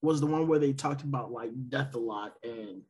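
A man's voice: mid-range voice, moderate pace, a little mellow, husky. A man co-hosting a podcast, chatting casually and rambling with lots of fillers and restarts. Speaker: podcast co-host. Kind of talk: casual chat.

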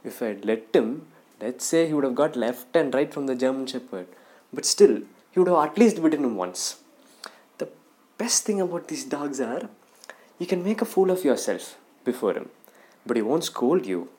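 A man with an Indian English accent tells comic stories to the camera in a lively monologue. He switches into little voices as he acts out the scenes. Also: medium pitch, normal speed. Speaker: comedy vlogger. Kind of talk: storytelling stand-up monologue.

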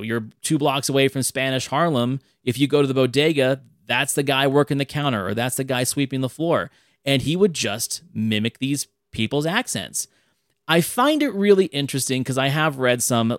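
An animated male podcast host, his mid-range voice clean in tone, talks casually about an old film and sometimes acts out lines in a raised voice. The studio-quality audio has no room sound.

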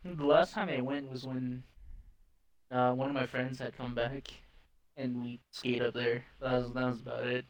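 A man's voice: medium pitch, normal speed, poor audio. Young man telling a wild story. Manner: animated, swears, laughs often. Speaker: podcast co-host. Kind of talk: casual storytelling chat.

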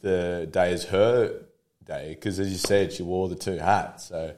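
A man in his thirties with an Australian accent, talking candidly as a podcast guest. His voice sits on the lower side, and he tells personal stories in an open, easygoing way, often breaking into a laugh. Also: steady tone, unhurried, a little mellow, slight background noise. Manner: open, storytelling, laughs easily. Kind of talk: casual conversation.

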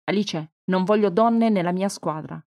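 A woman's voice: fairly low pitch, normal speed, darkish tone, natural voice. A woman reading the lines of a blunt, dismissive male pastry chef in his forties in an audiobook. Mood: curt. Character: gruff man in his forties, a curt head pastry chef.

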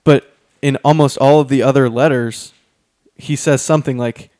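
A man's voice: medium pitch, fairly even intonation, moderate pace, darkish tone, dry recording, studio quality. A man co-hosting a casual podcast, reading Bible passages aloud between many ums and restarts, a little out of breath. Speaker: podcast co-host.

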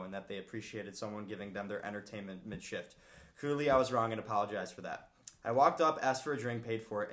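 A man's voice: fairly low pitch, fairly bright tone, a little hiss or hum. Man reading posts aloud on a podcast.

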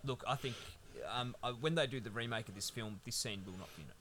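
With a crowd audible behind him, a man with a mid-range voice talks fast while co-hosting a podcast. He recaps a film in a rambling, sweary, laid-back way during a casual film-review chat.

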